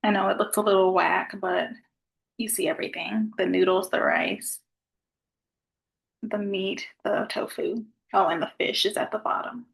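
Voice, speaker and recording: A woman talks softly and casually as she sets out her meal for a vlog. Her voice sits at an ordinary middle pitch, and she keeps her volume low throughout. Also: moderate pace, creaky, poor audio. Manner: soft-spoken, low volume. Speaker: vlogger. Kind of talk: casual food vlog chat.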